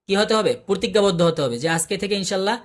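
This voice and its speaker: A man's voice: high-pitched, lively intonation, fast. Man, Quran recitation teacher, online class, patient, repeats sounds, asks the class questions, video call audio.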